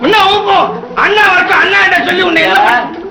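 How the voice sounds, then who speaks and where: Whiny henpecked village doctor. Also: male voice, very high voice, fairly even intonation, a little fast, a crowd in the background, noisy background. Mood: complaining. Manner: whiny, complaining. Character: nagging, henpecked village doctor, middle-aged man. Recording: echoey old film soundtrack.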